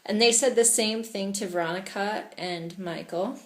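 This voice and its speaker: A woman's voice: medium pitch, moderate pace, fairly bright tone. A woman from Canada talking through a casual video diary in an earnest, chatty way. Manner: earnest, chatty, laughs often. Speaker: vlogger. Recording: echoey room.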